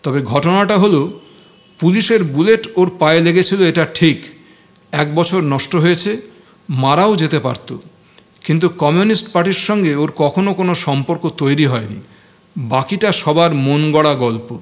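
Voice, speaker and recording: A man voicing a calm, frugal male party organiser who talks in an unhurried, measured way. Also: a little high, lightly acted.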